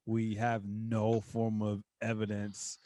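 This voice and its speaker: A man's voice: lowish voice, completely flat delivery, slow, mellow, no echo. A man hosting a podcast in casual chat, easygoing and agreeable. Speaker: podcast host. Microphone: remote recording.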